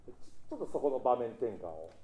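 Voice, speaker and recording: A man's voice: medium pitch, very animated, a little fast, mellow, echoey room. A man coaching a choir in rehearsal, encouraging the singers and singing short phrases to show how they should sound. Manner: encouraging, sings phrases to demonstrate. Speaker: choir conductor.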